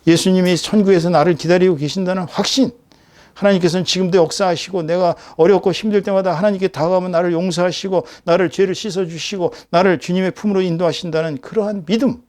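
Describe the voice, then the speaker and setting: A man preaching a Sunday sermon as pastor, chatty and lively, asking the congregation questions and acting out everyday examples. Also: high voice.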